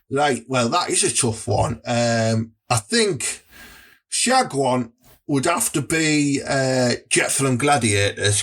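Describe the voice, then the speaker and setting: A man's voice: mid-range voice, fairly bright tone. A man with a North East English accent hosting a comic podcast in casual chat, cheeky, crude and pleased with himself. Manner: cheeky, crude, self-congratulating. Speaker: podcast host.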